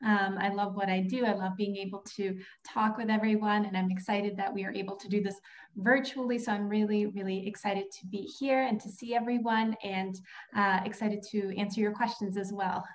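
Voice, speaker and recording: A woman's voice: medium pitch, steady tone, normal speed. A young woman from Russia, a tour guide, eager and upbeat on a video call. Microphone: laptop video call.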